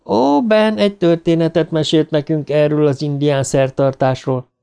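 A man reading a young girl in a gang of boys, talking briskly. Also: fairly high pitch, vocal fry, warm tone, clean tone, pitched above the performer's own voice. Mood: matter-of-fact.

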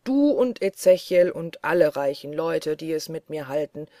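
A woman's voice: lowish voice, expressive, measured pace, darkish tone, no echo, clean studio sound. A woman reading the lines of a huge, greedy and sly male forest giant who mocks and boasts. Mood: boastful. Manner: mocking, boastful.

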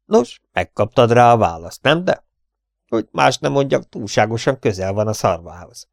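A man voicing a brisk, kind-hearted country vet with a gruff, hurried manner of talking. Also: medium pitch, big pitch swings, no echo, studio quality. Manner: gruff and hurried, often dropping to a furtive whisper.

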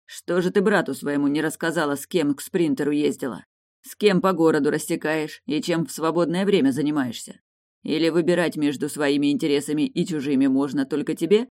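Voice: mid-range voice, fairly even intonation, brisk, no echo, studio quality, natural voice. A reader voicing a resentful, angry young man. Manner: resentful, shouting. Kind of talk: audiobook character voice.

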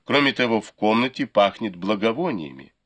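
A man's voice: lowish voice, expressive, fairly quick, a bit bright. A man voicing a cheerful young lady who teases her companion lightly. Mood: teasing, lively. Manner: light, teasing.

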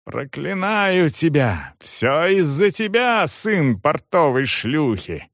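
A male narrator voicing a desperate condemned woman who curses and begs in shrill cries. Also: very animated, slow, fairly bright tone, no room sound, clean studio sound, exaggerated voice. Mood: cursing.

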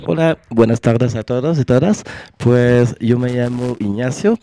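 Slow, halting man, mellow and clear. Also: mid-range voice, fairly even intonation. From Guatemala, raised in Montreal. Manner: halting, with many restarts and searches for words. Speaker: guest. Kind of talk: personal account in an interview.

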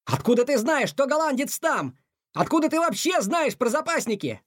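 A man voicing a brave, excitable young male cat in an audiobook, urgent and quick to shout commands. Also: extremely high pitch, no room sound, clean studio sound, pitched above the performer's own voice.

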